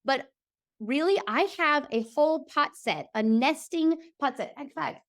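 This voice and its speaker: Her pitch high and her delivery unhurried, a Georgia woman joins a podcast by video call for a relaxed interview. She speaks with lively emphasis and keeps pausing to ask her listener "okay?"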